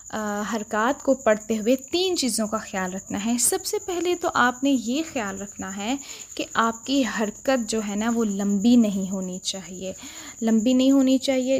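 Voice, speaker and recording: A woman teaching Quran recitation in a patient, step-by-step lesson, asking questions and then answering them, speaking. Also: a little high. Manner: asks questions then answers them, demonstrates sounds slowly.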